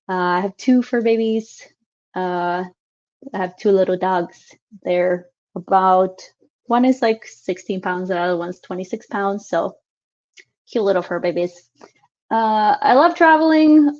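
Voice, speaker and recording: A woman in her late twenties, originally from Finland, talks through her class introduction in a relaxed, chatty way, full of ums and uhs. Her voice sits in an ordinary middle range. It comes through a computer mic on a video call, a little dull and muffled. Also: mid-range voice. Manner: friendly, chatty, with frequent filler sounds. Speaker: instructor.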